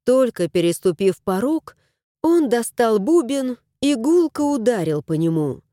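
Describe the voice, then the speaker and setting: A woman reads a storybook aloud at a slow, expressive pace. Her voice is mellow and low in tone, yet lively in pitch. The recording is dry and close. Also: no room sound. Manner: unhurried, expressive reading. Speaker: narrator. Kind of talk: storybook reading.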